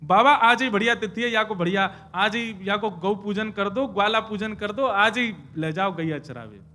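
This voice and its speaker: Man playing a jovial priest, bright voice. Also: high voice, normal speed. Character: cheerful village family priest.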